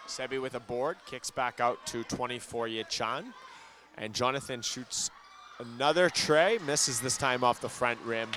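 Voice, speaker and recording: Calling a school basketball game live, a play-by-play commentator with a medium-pitched voice keeps a brisk pace and raises his volume for big shots. The sound of a ball bouncing in the gym carries in the background.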